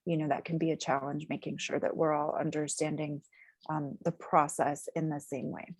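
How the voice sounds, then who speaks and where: A woman representing a community agency answers interview questions in measured, jargon-heavy phrases with many filler words. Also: low-pitched, warm tone, dry recording.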